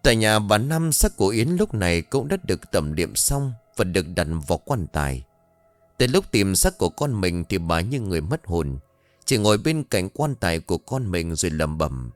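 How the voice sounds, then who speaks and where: A man narrating a horror story in a measured, expressive storytelling voice. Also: low voice, dry recording. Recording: dry studio voice-over with faint music.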